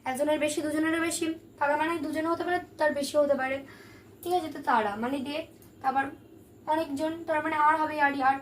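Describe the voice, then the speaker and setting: A woman's voice: sits high, fairly even intonation, fairly quick. A woman teaching a grammar lesson, patiently explaining and asking questions that she then answers herself. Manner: patient, asks and answers her own questions. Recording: distant mic, faint room noise.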